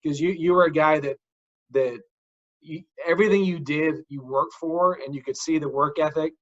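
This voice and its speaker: A man's voice: on the high side, fairly even intonation, normal speed, a bit bright. A man in his forties hosting a casual interview, enthusiastic and storytelling, saying dude a lot. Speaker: podcast host, mental coach. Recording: dull lo-fi audio.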